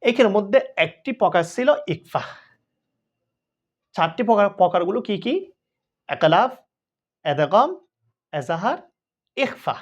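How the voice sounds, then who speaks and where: A male Quran recitation teacher talks slowly and with a lively, rising and falling pitch. He patiently spells out each example sound and repeats it for the learner. The recording is dull and lo-fi. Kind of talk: step-by-step recitation lesson.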